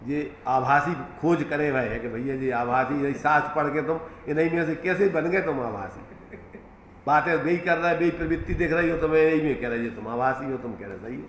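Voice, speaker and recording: A man's voice: on the high side, moderate pace, fairly bright tone. A man teaching a scripture class, patient and explanatory, repeating key terms and using homely examples. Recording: echoey room, faint background noise.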